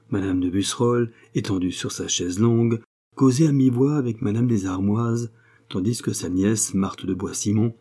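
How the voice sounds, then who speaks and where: A man narrating a classic novel as an audiobook in a measured, even way. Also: lowish voice, slightly rough.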